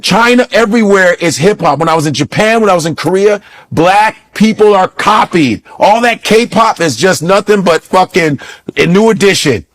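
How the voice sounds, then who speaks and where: An American man tells stories in a high voice that swings widely in pitch. He talks profanely in casual chat and jumps into mimicked voices as he tells them. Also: normal speed. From United States. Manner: animated storytelling, profane, mimics accents.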